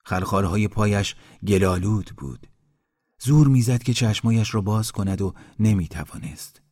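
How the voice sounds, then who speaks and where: A man reading a story aloud in a calm, measured way, giving each villager a voice. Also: fairly low pitch. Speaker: narrator.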